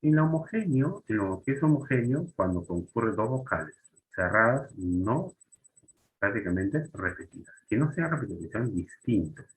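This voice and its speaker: A man's voice: fairly low pitch, sing-song, moderate pace, rough recording. A man teaching a grammar lesson, often restarting and checking in with short questions.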